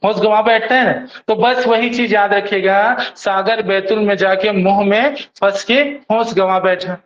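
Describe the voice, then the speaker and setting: Pitched high and fairly even, this man's unhurried voice leads an exam coaching class where he drills students with memory tricks. He repeats questions and keeps asking "theek hai?" to check they follow. The recording is echoey, with a dull lo-fi sound.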